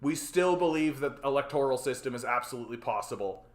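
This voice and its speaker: A man's voice: medium pitch, expressive, fast. A man in his forties from Canada, hosting a solo livestream in a frustrated, rambling rant full of stammered repeats. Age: 40s. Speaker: livestream host. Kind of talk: ranting solo livestream talk. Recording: roomy echo.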